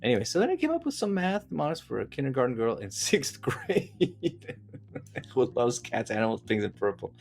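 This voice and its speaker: A man and parent hosting a casual tutorial vlog, chatty and joking with quick asides. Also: mid-range voice, wildly swooping pitch, gravelly, a little mellow. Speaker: parent and video host.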